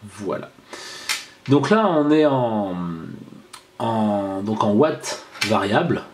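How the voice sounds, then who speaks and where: A man giving a casual hands-on product review, chatty and halting with frequent fillers and restarts. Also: lowish voice, animated, a little hiss or hum.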